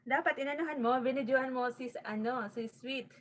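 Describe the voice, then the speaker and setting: A woman's voice: high voice, brisk. A woman from the Bicol region of the Philippines, hosting a casual farm-vlog livestream and greeting viewers by name as she fusses over her audio setup. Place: rural home in the province.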